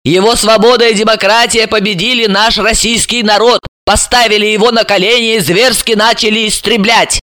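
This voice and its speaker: Woman doing a shrill domineering aunt. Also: big pitch swings, moderate pace, a bit bright, no room sound. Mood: furious. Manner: scolding, shrieking, caustic. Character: domineering older aunt, sharp-tongued and shrill.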